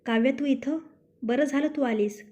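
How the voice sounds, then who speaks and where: A woman's voice: high voice, normal speed, mellow, close to an everyday voice. A woman voicing a rude, arrogant young husband in a storybook tale, speaking in a taunting, scolding way. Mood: fond. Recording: dull lo-fi recording.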